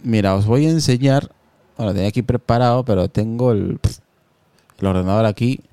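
Man, low pitch, dry close sound, casual tech talk host, teasing banter. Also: a little fast, dark tone, clean tone, dry recording. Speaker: podcast host. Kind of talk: casual chat on a tech stream. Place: hot living room at home. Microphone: computer with a phone camera on a video call.

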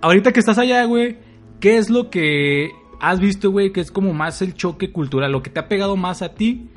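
A Mexican man with a notably high voice hosts a podcast, bantering in heavy slang and joking constantly. Light music plays faintly behind him. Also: brisk. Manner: joking, laughs often, slangy. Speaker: podcast host.

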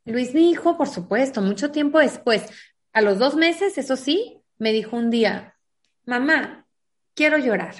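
A woman tells a painful family story in an interview. Her voice sits high, and she acts out the lines of the people in her story with earnest feeling. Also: expressive, normal speed. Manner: earnest, acts out quoted dialogue. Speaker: guest, foundation founder. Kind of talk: emotional personal storytelling.

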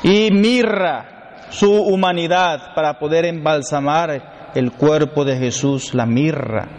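A man preaching a sermon slowly and emphatically, often asking the congregation rhetorical questions. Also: on the high side. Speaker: priest. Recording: long hall reverb.

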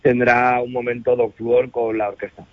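A man's voice: medium pitch, little pitch movement, moderate pace. A man, chatting casually in a radio interview with many fillers and restarts. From Spain, La Mancha. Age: 30s. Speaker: DJ and festival ambassador. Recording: muffled radio broadcast.

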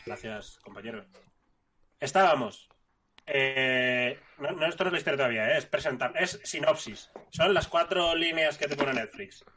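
A man's voice: mid-range voice, expressive, moderate pace, bright, forceful tone, slight background noise. Rambling man hosting a podcast. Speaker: podcast co-host. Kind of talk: casual chat, introducing the episode.

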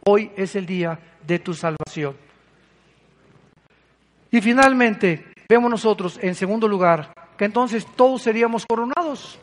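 A woman's voice: mid-range voice, measured pace. A woman preaching a sermon with passion, acting out quoted speech. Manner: impassioned, acts out quoted speech. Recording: long hall reverb.

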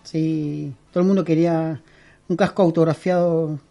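His voice is a little high, creaky and mellow, with a flat delivery at normal speed. He's a middle-aged Peruvian guest with a Peruvian Spanish accent, a costume and prop maker chatting in a casual interview with frequent fillers and restarts.

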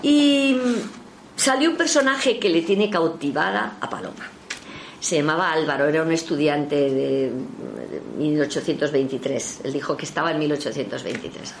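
Woman, lower register, animated anecdote teller, faint hum behind. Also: moderate pace. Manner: animated storyteller, jumps in pitch when quoting others. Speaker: storyteller recounting a spiritualist session. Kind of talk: casual spoken anecdote.

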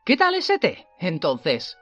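A towering shaggy giant with a gruff, hearty, blunt way of talking, which a woman acts out in a reading. His voice has an altered, roughened timbre and swoops wildly from low rumbles to high bursts. The storybook recording sounds slightly dull. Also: wildly swooping pitch, slow, fairly bright tone, soft background music, exaggerated voice. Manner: blunt, hearty, swings widely in pitch. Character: huge gruff shaggy man, rough but kindly.

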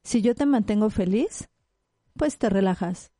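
A woman's voice: mid-range voice, measured pace, dry recording, clean studio sound. A woman, a specialist guest explaining her topic and acting out short examples as she talks. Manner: animated, explains with acted-out examples. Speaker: psychologist guest. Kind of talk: conversational expert interview.

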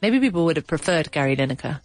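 A woman hosts a casual bilingual podcast teaching English, explaining words while chatting and laughing despite a runny nose. Her voice is low and sing-song, and she talks fast. The recording is dry, with faint music behind her.

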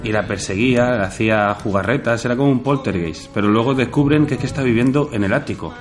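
A man from hosting a casual chat about films, relaxed and talking straight to his listeners. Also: mid-range voice, quick pace, faint music behind. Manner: relaxed, chatty, addresses listeners. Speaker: podcast host.

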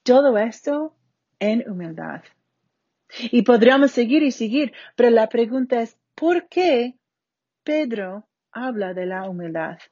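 A woman from Spain, giving an earnest Bible study talk in a slow, deliberate way. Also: fairly high pitch, animated, dark tone, dry recording. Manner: slow, deliberate, earnest delivery with falling phrase ends. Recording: dull muffled recording.

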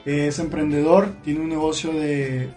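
A man's voice: a little high, steady tone, unhurried, a little mellow, faint music behind. A man hosting a casual podcast interview, friendly with short replies. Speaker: podcast host.

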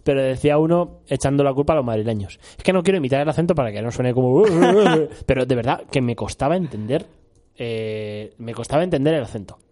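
A man's voice: medium pitch, animated, fast talker, hardly any pauses, dark tone. A young man from Spain, co-hosting a casual chat and telling a rambling story, often laughing and saying "tío". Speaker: co-host.

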